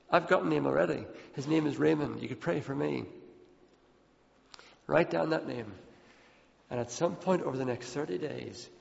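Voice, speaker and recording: A man's voice: mid-range voice, gravelly. A man preaching an earnest sermon, repeating words as he presses his points, recorded in a church hall. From Ethiopia. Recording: dull, long hall reverb.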